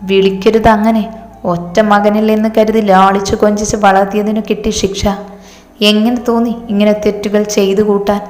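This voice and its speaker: A woman's voice: mid-range voice, little pitch movement, moderate pace, darkish tone, reverberant, in a large hall, soft background music, close to an everyday voice. A woman voicing a bitter, vengeful middle-aged mother who talks with scorn and grief, in a storybook reading. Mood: scornful grief.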